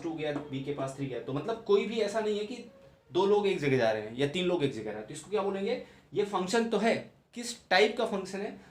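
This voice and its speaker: A young man teaching maths in a classroom-style lecture, repeating key points and checking understanding with rhetorical questions. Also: a little high. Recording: echoey room, mic at a distance, background noise.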